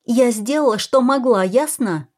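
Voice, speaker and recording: A woman voicing an agitated, defensive woman who has been keeping a secret, shrill and pleading in a storybook reading. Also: expressive, normal speed, darkish tone, lightly acted.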